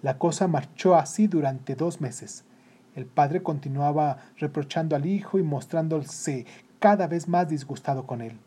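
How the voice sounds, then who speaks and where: A storyteller reading a children's story in a calm, steady way. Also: mid-range voice, a little slow, husky. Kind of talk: scripted narration of a children's story.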